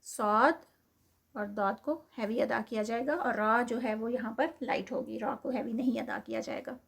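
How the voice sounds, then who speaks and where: A woman teaching Quran recitation, patiently drilling each letter sound slowly and mixing in English terms. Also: a little high, fairly even intonation, vocal fry, fairly bright tone, breathy edge.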